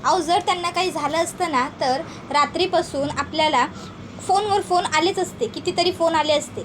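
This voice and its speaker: A woman's voice: extremely high pitch, moderate pace, noisy background. A woman voicing a good-natured young husband who pleads and coaxes his upset wife, in a serial recap. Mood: coaxing. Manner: pleading, coaxing.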